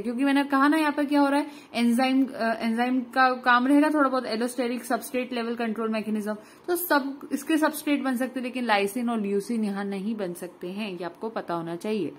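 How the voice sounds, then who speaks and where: A woman with an Indian accent teaching an exam revision lesson, explaining points, asking and answering her own questions, and reading English notes out slowly. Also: fairly high pitch. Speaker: online exam-prep tutor. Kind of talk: Hindi-English revision lecture.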